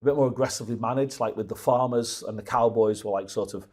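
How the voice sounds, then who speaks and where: Speaking quickly in a warm, medium-pitched voice, this Liverpool man in his fifties rambles through stories as a guest in a relaxed interview. He frequently restarts his sentences as he goes.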